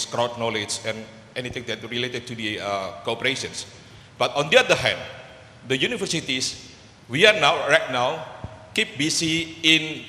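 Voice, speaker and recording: A man's voice: mid-range voice, sharp tone. A man asking a panel a question at a conference, hesitating and searching for words. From Indonesia. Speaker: audience member asking a question. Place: large conference hall. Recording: echoey conference hall with long reverb.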